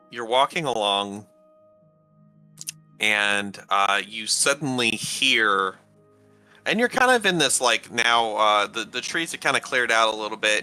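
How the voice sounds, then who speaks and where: A man running a tabletop game as game master, narrating in a halting way full of fillers and restarts. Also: lowish voice, bright, forceful tone, clear, resonant tone.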